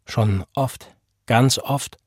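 A man's voice: medium pitch, drawn-out words, slightly rough, no room sound, studio quality. A man reading the part of a bitter, defiant young pregnant woman who speaks in a cold, taunting, accusing way.

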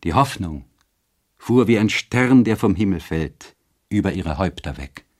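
A man narrating a classic novel as an audiobook, measured and expressive. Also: low-pitched.

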